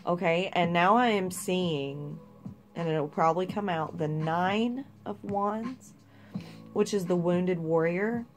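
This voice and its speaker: A woman's voice: lowish voice, takes it slowly, faint music behind. A young woman giving a casual, rambling tarot reading with some swearing. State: hiccups. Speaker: tarot reader.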